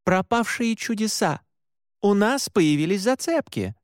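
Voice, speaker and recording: A commanding woman hunter leader barks short, clipped orders in a raised, higher voice, as a male narrator puts her on. She is firm and unhesitating. The voice sits close and dry, with no room sound. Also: expressive, a little slow, clean tone, no echo. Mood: eager.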